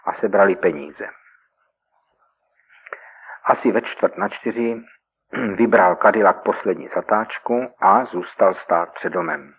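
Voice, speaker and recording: Low husky guy reading a crime story out, tinny old radio sound. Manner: measured storytelling. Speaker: reader. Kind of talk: scripted narration of a radio reading.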